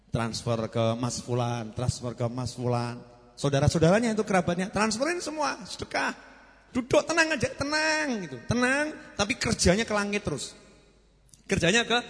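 Male preacher, higher voice, animated sermon, long hall reverb. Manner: lively, sudden swings from loud to soft, rhetorical questions. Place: large gathering hall.

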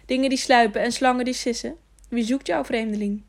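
A woman's voice: fairly high pitch, steady tone, brisk, creaky, voice pushed up. A woman voicing a lonely, simple-minded young man who asks childlike, repetitive questions. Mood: eager.

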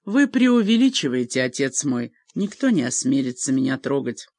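Audiobook: earnest, wavering young noblewoman, read by a woman, animated pitch. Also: normal speed, no echo, heavily acted. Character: young noblewoman, anxious yet stubborn.

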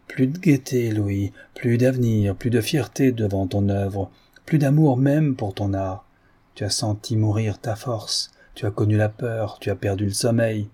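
A man's voice: on the low side, a little slow, dark tone, breathy edge. A man voicing a proud, earnest man who passionately urges his cousin to reclaim his honor. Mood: fervent. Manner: fervent, impassioned pleading. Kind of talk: audiobook character reading.

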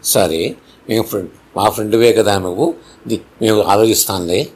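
A man voicing a pair of friendly, helpful swans in a children's story, in a creaky, husky voice with a reassuring, coaxing way of talking. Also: lowish voice, moderate pace, darkish tone.

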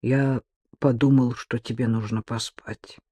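A man voicing a gruff man who is awkward with feelings, speaking low and subdued. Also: level tone, measured pace, dark tone, dry recording. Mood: quiet, awkward.

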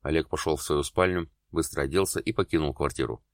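Deep-voiced male audiobook narrator. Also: fast talker, no room sound, studio quality. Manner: steady dramatic storytelling. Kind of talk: scripted narration.

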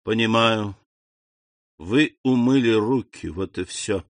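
A man voicing a stern, secretive man posing as a priest, who speaks in low, probing tones in an audiobook. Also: takes it slowly, no room sound. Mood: cold. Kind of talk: audiobook character voice.

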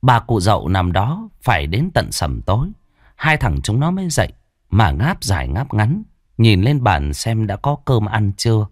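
A man narrating a ghost story in a grave, expressive way. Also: on the low side, normal speed, dry recording, studio quality.

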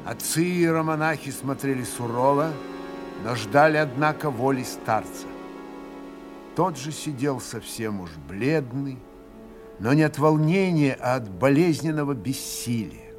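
A man narrating a literary drama in a theatrical, expressive manner. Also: mid-range voice, unhurried, over music.

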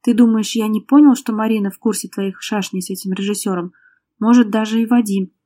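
A woman's voice: medium pitch, fairly even intonation, a little fast, mellow, close to an everyday voice. A woman voicing a hot-tempered, jealous young man who snaps and threatens in an audiobook. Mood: furious. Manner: curt, snapping, menacing.

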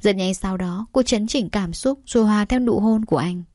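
A woman reads a story aloud at a steady, even pace, her voice set in a middle register. The recording is dry and close, with no room sound. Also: medium pitch, moderate pace, no echo. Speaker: narrator. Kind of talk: audiobook narration.

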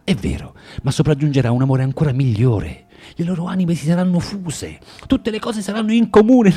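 In an Italian radio drama, an actor plays a bitter, self-loathing man who lectures a young woman in a halting, theatrical way, lurching between tenderness and vehemence. His medium-pitched voice is mellow with a breathy edge, and the mood is fervent and preaching.

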